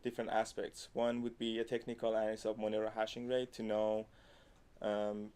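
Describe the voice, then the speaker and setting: A man giving an academic conference presentation, halting, with frequent restarts. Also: on the low side, darkish tone, clean tone.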